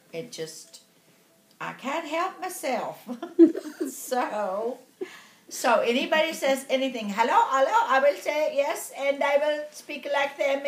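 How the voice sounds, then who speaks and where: A woman's voice: on the high side, echoey room. A woman with a Texan accent from the Panhandle, telling a personal anecdote with amusement and laughter. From Texas Panhandle. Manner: amused, laughing as she tells it. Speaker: storyteller.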